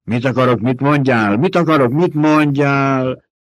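A man's voice: mid-range voice, lively intonation, dry recording, pitched above the performer's own voice, lightly acted. A man doing a scornful old reverend mother. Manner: mocking and domineering.

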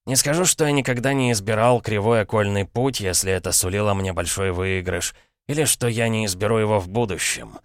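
A man's voice: fairly low pitch, fairly quick, dry recording, studio quality, natural voice. A man doing a sly, pompous scheming uncle. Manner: smooth, mock-courteous, ironic. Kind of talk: audiobook character voice.

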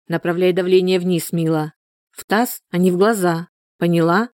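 A woman's voice: on the low side, fairly even intonation, normal speed, a little mellow, no room sound, clean studio sound, close to an everyday voice. A woman voicing a firm, instructive young woman guiding a friend through labor in an audiobook. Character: calm, bossy young woman helping at a birth. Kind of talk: audiobook character voice.

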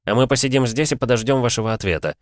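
A man voicing a calm, self-possessed male Interpol expert in an audiobook, measured and explaining. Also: medium pitch, no room sound, clean studio sound, voice pushed up, natural voice.

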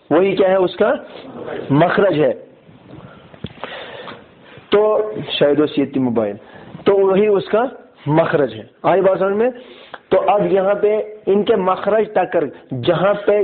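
Man teaching with a high voice, tinny recording. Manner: repeats key points and asks the class questions; sounds out letters slowly and deliberately. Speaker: Quran recitation teacher. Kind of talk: classroom lesson.

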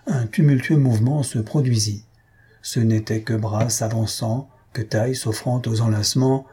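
A man narrates a comic novel in a steady, measured way. His voice is husky and quite rough, with a dark, mellow tone at a middle pitch. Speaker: audiobook narrator.

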